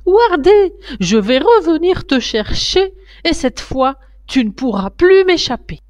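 A woman's voice: fairly high pitch, sing-song, darkish tone, dry recording. A woman doing a scheming old ogress. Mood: shrieking. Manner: wheedling then menacing, drawn-out words.

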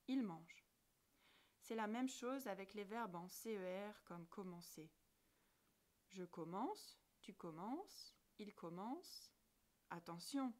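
Slow, carefully spoken woman teacher. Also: medium pitch, a little mellow. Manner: slow, careful articulation, spelling out letters one by one. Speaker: French language teacher. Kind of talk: scripted grammar lesson narration.

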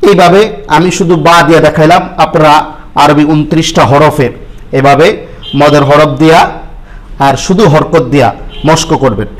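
Male Quran teacher, slightly high voice; patient lesson delivery, drills syllables slowly and repeats them. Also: steady tone, rough recording. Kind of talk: step-by-step lesson with spoken examples.

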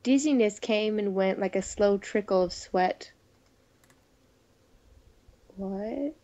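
A gaming video host with a dark, medium-pitched voice speaks slowly, playfully reading visual novel narration aloud between bits of casual chat and sometimes stumbling over the text. The audio comes from a muffled, noisy home microphone.

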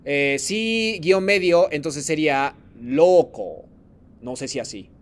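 A man leads a Japanese class with a patient, encouraging manner. His voice sits a little high. He calls on students one by one and mixes Japanese phrases into his explanations. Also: expressive, takes it slowly. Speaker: Japanese teacher. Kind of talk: online class lesson.

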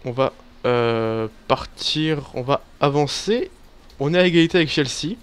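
A man giving casual, excitable commentary over a football video game, swearing and cheering at his players. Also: mid-range voice, measured pace, clean tone. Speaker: gaming YouTuber. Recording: faint background music.

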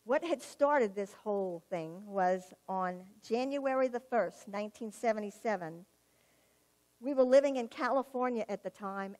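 A woman giving a personal testimony in church, telling her story vividly and acting out the dialogue. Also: medium pitch. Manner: animated storyteller, acts out quoted dialogue, laughs at herself.

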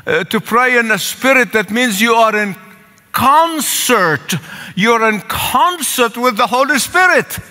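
Older man, Egyptian accent, earnest pleading preacher; high, bright voice; pulpit sermon in a reverberant sanctuary. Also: lively intonation, unhurried. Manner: earnest, pleading, repeats phrases for emphasis. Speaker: pastor. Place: large church sanctuary with congregation. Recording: long church hall reverb.

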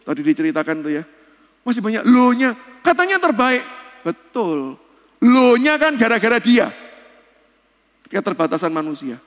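Man, preacher, fiery sermon delivery, loud-to-hushed swings, higher voice, long church reverb. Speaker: pastor and seminar speaker. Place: church hall.

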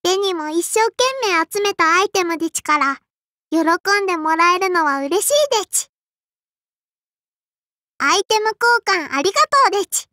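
In a studio recording without echo, a woman voices Japanese lines for a tiny, prim, strict sparrow-girl innkeeper from an anime mobile game. The character lisps like a child and uses a cutesy verbal tic, sounding prim and cheerful. The very high voice is pushed and bright at a normal speed.

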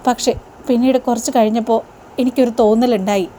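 A woman's voice: fairly high pitch, steady tone, fast, warm tone, slight background noise, lightly acted. A woman reading the lines of a tearful, pleading young wife in a plain retelling voice. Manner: earnest, plain retelling of her words.

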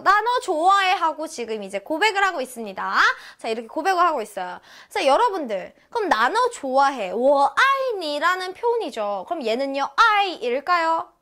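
A woman's voice: sits high, fairly bright tone. A young woman teaching a Chinese lesson in a bubbly, playful way, acting out short dialogue snippets. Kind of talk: lively online language lesson.

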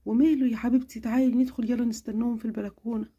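Mama, a gentle Egyptian cartoon mother, voiced by a woman. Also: on the high side, level tone, racing, breathy edge, lo-fi sound, voice pushed down. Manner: gentle, affectionate, firm when scolding. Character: patient, caring young mother scolding gently. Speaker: cartoon character. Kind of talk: children's cartoon voice acting.

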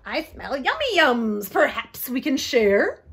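A woman's voice: sits high, huge pitch swings, slow, fairly bright tone, breathy edge, full character voice. A woman voicing a friendly, generous badger in a children's picture book, cheerful and coaxing. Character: friendly grinning badger, generous and eager to share.

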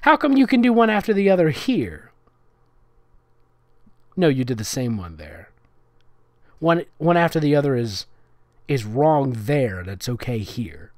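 A man with a mid-range voice reads fan fiction aloud as a host, delivering it as a comedic dramatic reading full of sarcastic, nitpicking asides and bursts of giggles. His pitch swings hugely, his pace is measured with long pauses, and the recording is dry and studio-clean.

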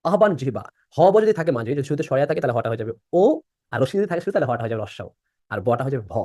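Young guy teaching fast, voice jumping all over, keeps asking the class questions. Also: medium pitch, sing-song, mellow, dry recording, studio quality. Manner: repeats points and quizzes students by asking questions. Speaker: admission-prep teacher. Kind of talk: live online class lesson.

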